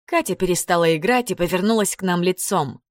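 Low-voiced woman reading a story. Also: a little fast, no echo, clean studio sound. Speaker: audiobook reader. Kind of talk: scripted narration.

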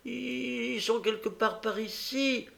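A man's voice: very high-pitched, steady tone, takes it slowly, gravelly, pushed and bright, pitched above the performer's own voice, heavily acted. A man voicing a frightened young boy who stammers and pleads desperately in an audiobook. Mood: desperate pleading.

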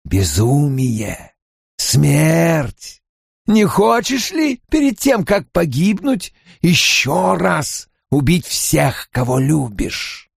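A male narrator voicing a menacing ancient dark lord who speaks in gravelly, drawn-out, taunting threats. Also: a little high, huge pitch swings, dry recording, studio quality, voice pushed up, full character voice. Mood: ominous. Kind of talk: audiobook character voice.

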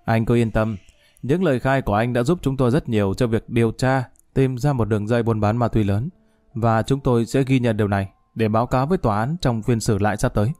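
A man's voice: medium pitch, fast talker, darkish tone, no room sound, faint music behind, lightly acted. A man doing a reassuring prosecutor. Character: reassuring male prosecutor official, middle-aged.

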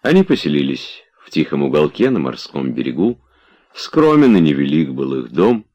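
A man narrating a classic novel as an audiobook, in a measured storytelling manner. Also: very deep voice, sing-song, a little mellow. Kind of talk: scripted literary narration.

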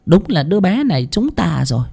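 A man voicing a stern female village shaman who barks sharp orders. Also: sits high, very animated, a little fast, gravelly, slightly rough, pitched above the performer's own voice, full character voice. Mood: commanding.

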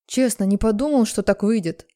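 A domineering young suitor growls his commands and then softens into coaxing tenderness, as a woman reading the story puts him on. The voice is mellow and warm, at a middling pitch. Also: moderate pace, close to an everyday voice. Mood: apologetic.

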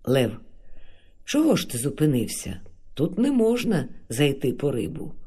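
A man voicing an older village man who talks in a calm, easygoing, folksy way. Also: mid-range voice, a little slow, slightly rough, full character voice.

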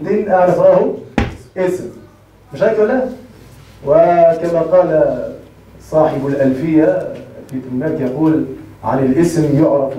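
A man with a Tunisian Arabic accent gives a brisk classroom lecture on creed and keeps asking whether his students follow. His voice sits high and moves fast. It is recorded from across a very echoey room. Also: dark tone. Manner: checks understanding often with rhetorical questions. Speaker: Islamic creed teacher. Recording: echoey room, mic far off.

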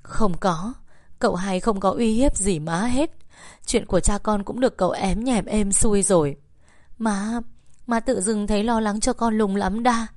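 A woman's voice: mid-range voice, darkish tone, no room sound, clean studio sound, natural voice. A woman voicing a weeping, anxious older village mother who stammers and repeats herself. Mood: tearful pleading. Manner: sobbing, halting, repeats words. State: crying.

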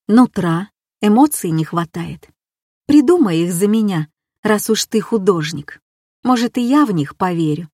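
A woman's voice: mid-range voice, a little mellow, no echo, clean studio sound. A woman reading an audiobook and voicing a weary, bitter woman who reproaches her lover with probing questions.

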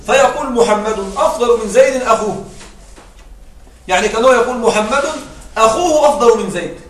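A man teaching an Arabic grammar lesson who explains step by step, repeats his examples and keeps checking with quick rhetorical questions. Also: very high voice, reverberant, recorded from a distance, slight background noise.

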